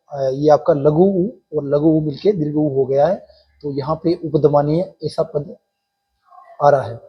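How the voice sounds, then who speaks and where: A man's voice: on the high side, husky, muffled recording. A male teacher explaining a Sanskrit grammar lesson for exam preparation, going step by step and quizzing his students with repeated questions.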